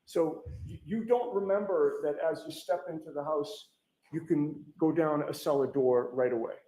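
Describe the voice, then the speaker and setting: A man's voice: a little high, normal speed, warm tone, a little hiss or hum. A man questioning a witness as defense attorney, firing pointed leading questions that end in "correct?". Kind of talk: courtroom cross-examination. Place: courtroom. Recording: echoey courtroom.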